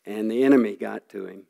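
An older man giving an earnest sermon testimony, telling a personal story with halting restarts and frequent throat clearing. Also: on the low side, phone-quality sound. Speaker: preacher.

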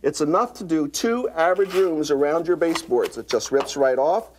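An American man in his forties giving an emphatic, persuasive home shopping host pitch while demonstrating products. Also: moderate pace, a little mellow, a little hiss or hum. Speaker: infomercial pitchman. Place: TV studio demonstration set. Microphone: lapel mic.

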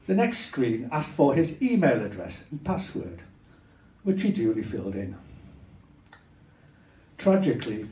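An older man with a Hull accent delivers spoken word poetry at a slow, deliberate pace, wry and pointed with flashes of anger. He speaks into a stage mic, heard from across a small venue, and the room's echo rings around his voice. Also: mid-range voice, warm tone, far from the mic. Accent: Hull, Yorkshire. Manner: measured, wry, with bursts of anger. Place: small dark performance venue. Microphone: stage mic on stand, filmed from far. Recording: roomy venue sound from afar.

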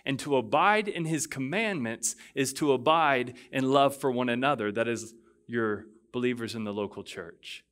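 A man's voice: medium pitch, moderate pace, fairly bright tone. A man, a pastor, preaching a sermon, mixing conversational asides and restarts with emphatic passages that build in intensity. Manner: builds to emphatic, rising intensity on key phrases. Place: church.

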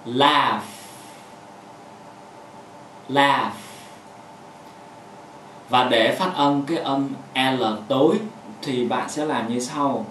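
A man who speaks Vietnamese natively teaches pronunciation, talking in halting stretches full of fillers and repeating each example word. His voice sits mid-range for a man. He sounds a little distant, in an echoey room with faint background hum. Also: mid-range voice. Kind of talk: explaining a lesson with hand demonstrations.

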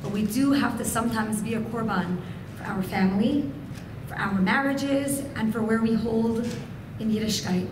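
A woman in her thirties from a Persian family, whose first language is Farsi, delivers an inspirational keynote to women, expressive and gesturing at a podium microphone on a stand. Her voice is a little high and moderately paced. The hotel function room is echoey, with background noise.

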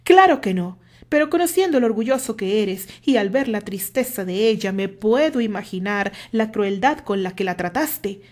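A woman's voice: medium pitch, lively intonation, normal speed, darkish tone, close to an everyday voice. Brief: woman playing confident mocking rival, firm and cutting, storybook reading. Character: self-assured man, firm and mocking rival.

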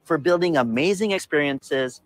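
A man's voice: on the high side, no echo. Man giving a polished tech keynote. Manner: upbeat, measured corporate delivery. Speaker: tech company presenter. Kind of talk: scripted keynote presentation. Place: outdoor rooftop in a city.

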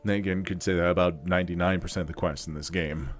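A man's voice: deep voice, steady tone, fast talker, faint music behind. A young man casually commenting on a video game as he plays, chatty and rambling, laughing and swearing often. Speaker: let's play host.

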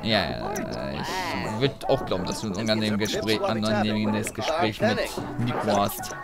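A man giving casual commentary while playing a video game, talking to his characters in an animated way, with game music behind him. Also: fairly low pitch, moderate pace. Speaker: let's play host.

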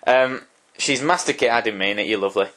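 A woman's voice: extremely low pitch, quick pace, fairly bright tone. A woman chatting playfully into a camera in a bedroom, narrating her friend like a nature documentary. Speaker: vlogger. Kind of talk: casual vlog chat.

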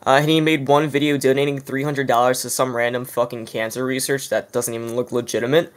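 Guy cohosting a podcast, swears a ton, rambly explainer, normal pitch, home mic. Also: flat delivery, fast talker. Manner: profane, rambling, explains drama at length. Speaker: podcast co-host. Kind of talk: casual group chat.

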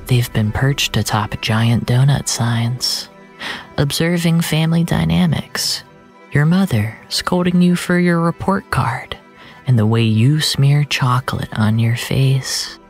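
A mid-range narrator performs a scripted, surreal audio drama with faint music underneath. The delivery is measured and dramatic, frequently sinking into a breathy near-whisper.

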